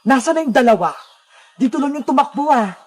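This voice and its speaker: Very high-pitched excited cartoon kid, voiced by a woman. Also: fairly quick, a little hiss or hum. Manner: excited, shouting, high-energy. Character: frightened little girl Princess and her friends. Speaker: voice of all cartoon characters. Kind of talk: children's cartoon voice acting.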